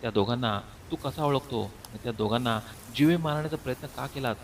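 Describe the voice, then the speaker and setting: A man's voice: medium pitch, brisk, far from the mic, a little hiss or hum, lightly acted. A male narrator voicing a harsh police inspector who barks his questions. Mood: demanding. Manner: barking, demanding.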